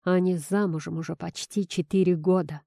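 A woman reading the part of a brooding, possessive young man who talks in a low, purring, menacing way. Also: fairly even intonation, normal speed, gravelly, warm tone, no echo, clean studio sound. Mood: exasperated.

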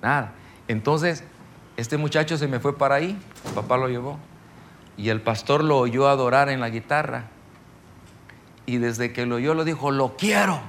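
A middle-aged pastor gives a story-driven, loosely preached ministry seminar, often checking that his listeners follow. His gravelly voice sits at an ordinary male pitch with a fairly bright tone, at normal speed with long pauses. Faint noise can be heard in the background.

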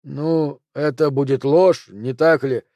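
A man reading an audiobook, voicing a calm and polite [name] impersonator who speaks gently. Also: a little high, takes it slowly, no room sound. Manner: gentle, courteous.

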